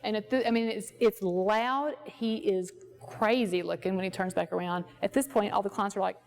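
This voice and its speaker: A woman's voice: medium pitch, moderate pace, vocal fry, darkish tone. A woman therapist presenting a workshop, talking conversationally and telling stories from her practice. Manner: conversational, storytelling, acts out quoted dialogue. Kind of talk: lecture with personal anecdotes. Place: workshop at a ranch.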